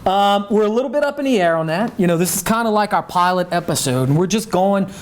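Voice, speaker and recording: A middle-aged man from south Louisiana hosts a relaxed talk show in a slightly higher voice. He speaks in a folksy, emphatic way and keeps checking in with his listeners with "okay?" and "right?". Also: quick pace. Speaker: podcast host. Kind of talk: casual chat.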